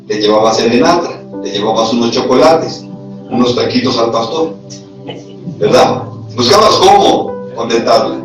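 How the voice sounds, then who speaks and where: A man preaching a sermon as pastor, in a conversational way full of rhetorical questions. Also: medium pitch. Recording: echoey hall, voice from far off, music behind.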